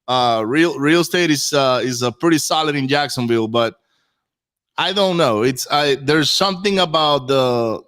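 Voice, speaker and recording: A Venezuelan real estate investor whose first language is Spanish tells personal stories as a guest in a casual interview. He speaks informally and often says "man" and "brother." His mid-range voice is clean and fairly bright, delivered at a moderate pace.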